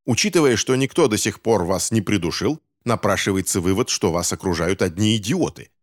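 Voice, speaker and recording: A smug, scheming gentleman villain sneers his way through every line, contempt in each word. His voice sits a touch raised and lively, put on by a man reading a storybook aloud. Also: on the low side, a little fast, no room sound, clean studio sound. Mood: sneering.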